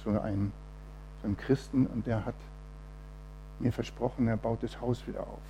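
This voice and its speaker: A man's voice: medium pitch, fairly even intonation, moderate pace, creaky, mellow, slight background noise. A man giving a testimony sermon in church, telling his story with quoted voices acted out and reading a Bible passage aloud.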